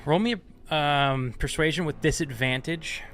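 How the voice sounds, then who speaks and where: A man narrating a tabletop game as game master in casual, halting, improvised phrases. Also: a little high, a bit bright, faint music behind.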